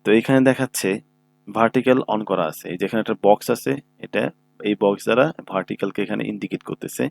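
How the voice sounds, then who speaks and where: A man's voice: fairly low pitch, quick pace, vocal fry, a little hiss or hum. A man giving a screen-recorded computer tutorial, explaining each step patiently and often checking that listeners follow. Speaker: computer instructor. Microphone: own microphone.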